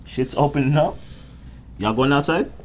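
A man's voice: a little high, normal speed, darkish tone, a little hiss or hum. A young man with a Toronto accent co-hosting a podcast, teasing his friends in slangy, profane bro banter. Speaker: podcast co-host. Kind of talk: casual banter among friends.

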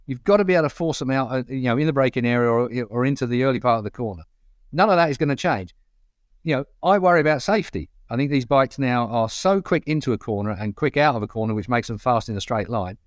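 A man's voice: mid-range voice, animated, fast, no room sound. Opinionated Essex man, close dry sound. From Essex, England. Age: middle-aged or older. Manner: blunt, colloquial, emphatic. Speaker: motorcycle racing pundit. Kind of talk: opinionated casual panel talk.

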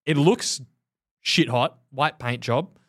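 A man's voice: medium pitch, slow, fairly bright tone. Blunt, laughing man on a podcast. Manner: blunt, laughs often, swears casually. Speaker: podcast co-host. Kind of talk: casual chat.

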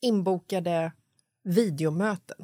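A woman hosting a podcast in casual chat, an animated storyteller who acts out dialogue and swears freely. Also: on the low side, no echo, clean studio sound. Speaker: podcast host.

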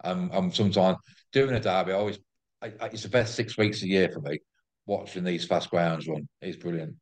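Man, English accent, low pitch, enthusiastic, informal, repetitive phrasing. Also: fairly quick. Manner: effusive, repeats words and phrases. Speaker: interview guest, greyhound track promoter. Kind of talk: casual enthusiastic chat.

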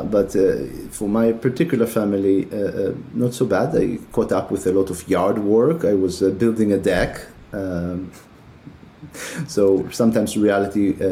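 A man's voice: lowish voice, warm tone. A middle-aged man who grew up in Israel, talking casually as an interview guest, with many hesitations and fillers. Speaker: guest, tech company executive.

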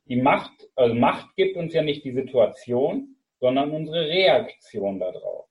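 A man's voice: mid-range voice, lively intonation, a little slow, rough recording. A man hosting a casual conversation, reflecting and affirming his guest in a thoughtful way.

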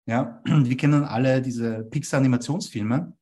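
With a warm, mid-range voice at normal speed, this young Austrian interview guest from Vienna explains his copywriting ideas, following points with an inquiring "ja?".

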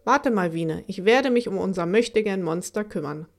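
A woman's voice: mid-range voice, expressive, moderate pace, gravelly. A woman voicing a small, anxious but earnest sea fairy girl in a children's audiobook.

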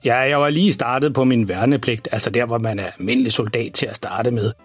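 A man's voice: medium pitch, breathy edge, dry recording, soft background music, natural voice. A man playing an embarrassing, boastful father who rambles through tall tales in a children's story. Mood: rambling. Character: boastful, embarrassing dad, tall-tale teller.

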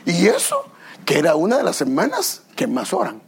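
A male pastor preaches at a church service in an animated, storytelling way. His voice is high and gravelly, with a husky edge. His pitch swoops widely as he pokes fun at himself and puts questions to the listeners. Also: moderate pace. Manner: self-deprecating, animated storytelling, asks the congregation questions. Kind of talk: sermon with personal anecdotes.

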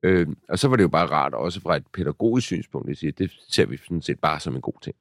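A man's voice: a bass voice, lively intonation, vocal fry, no room sound, studio quality. A man in his thirties, a podcast co-host, telling a story in casual chat with many fillers and restarts.

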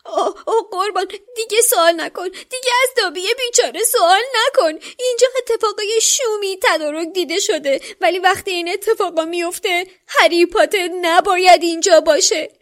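A woman voicing a small, wretched male house-elf who wails, squeaks and stammers in a tearful frenzy, in a dramatic book reading. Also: hardly any pauses, a bit bright. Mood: pleading tearful.

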